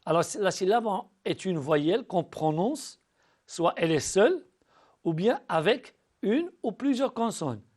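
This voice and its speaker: A male teacher giving a recorded school lesson, speaking patiently to pupils and slowly spelling out syllables. He often repeats and restarts words. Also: sits high, very animated, darkish tone.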